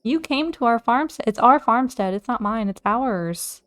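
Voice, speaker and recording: A woman hosting a let's play, chatting casually to herself as she plays, and easily excited. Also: a little high, moderate pace. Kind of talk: casual gameplay commentary.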